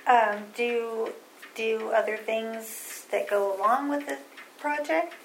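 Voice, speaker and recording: A woman's voice: fairly high pitch, steady tone, takes it slowly, slight background noise, low-quality recording. A woman interviewer reading out prepared questions for a recorded interview.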